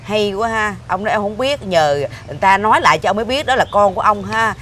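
A woman's voice: medium pitch, a bit bright, slight background noise, natural voice. A woman playing a scolding fed-up mother. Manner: scolding, rapid and indignant. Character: exasperated middle-aged mother, sharp-tongued. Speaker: former wife. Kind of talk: TV drama acting.

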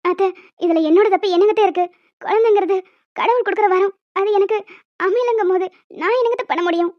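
A woman voicing a gentle young wife in a cartoon, pleading and sorrowful as she pours out her hurt. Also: very high voice, fast talker, highs cut off.

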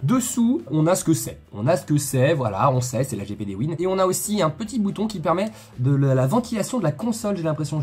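Husky guy chatting through an unboxing. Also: on the high side, a little mellow. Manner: chatty, repeats himself, joking asides to viewers. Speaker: tech video host. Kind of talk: casual unboxing vlog.

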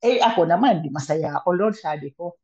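Woman, low voice, animated storytelling, dull lo-fi line. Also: fairly quick, crowd noise. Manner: animated storytelling, mixing Tagalog and English. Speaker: guest. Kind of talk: casual testimony.

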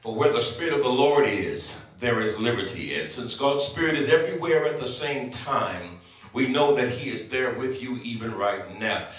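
A man's voice: mid-range voice, lively intonation, normal speed. Man preaching at a pulpit microphone. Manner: punctuates phrases with frequent amens. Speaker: bishop preaching. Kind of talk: sermon. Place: church sanctuary. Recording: echoey church sanctuary, mic at a distance.

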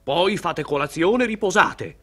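A man's voice: high voice, lively intonation, a little slow, bright, forceful tone, voice pushed up, exaggerated voice. A man doing a sly stepfather. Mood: falsely kind. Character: scheming stepfather, falsely gentle.

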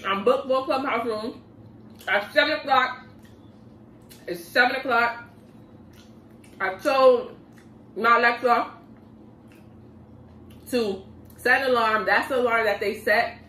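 A woman's voice: a little high, slow, pauses often, sharp tone, a little hiss or hum. A woman vlogger chatting casually in slang while eating, talking between bites at home. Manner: laid-back and slangy, talks between bites. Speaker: mukbang vlogger. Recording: echoey room from a distance.

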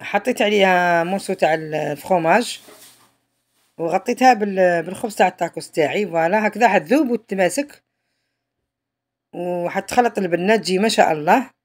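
Speaking a little fast and pausing often, this woman has a lowish voice and an Algerian Arabic accent. She's a home cook narrating a chatty cooking tutorial, frequently leaving phrases unfinished.

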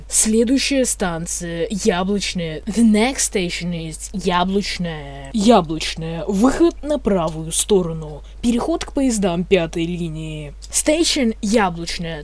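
A young man playing a formal metro announcer, reading measured, formulaic transit announcements in a high youthful voice. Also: darkish tone, heavily acted. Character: formal metro train announcer, bilingual, procedural.

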